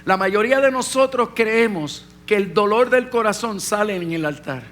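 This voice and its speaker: A man's voice: sits high, lively intonation, moderate pace, fairly bright tone. A man who is a pastor preaching a sermon, telling a personal story and speaking directly to his congregation.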